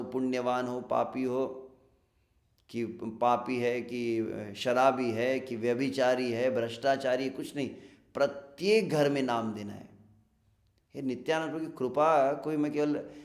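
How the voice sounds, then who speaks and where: Man preaching in an echoey room. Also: mid-range voice. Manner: animated storytelling, acts out warning villagers in raised voice. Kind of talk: devotional sermon with sung Bengali verses.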